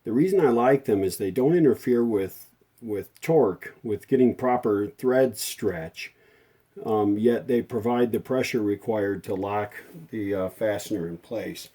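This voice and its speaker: Unhurried and dark in tone, a fairly low male voice walks through a workshop repair. The middle-aged hobbyist restorer keeps it casual and folksy, thinking out loud as he works.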